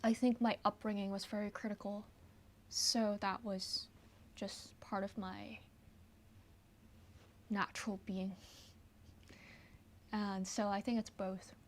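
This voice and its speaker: A woman from Hong Kong, a pianist hosting a relaxed livestream Q&A from her apartment, who chats easily and trails off with ums and soft laughs. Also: mid-range voice, takes it slowly, long pauses, slight background noise. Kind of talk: casual livestream Q&A chat. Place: her apartment, at home with her piano.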